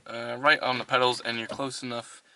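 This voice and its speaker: Bright-voiced man giving a mock tutorial. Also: mid-range voice, brisk, far from the mic, a little hiss or hum, low-quality recording. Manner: deadpan mock-instructional. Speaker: host. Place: inside a car.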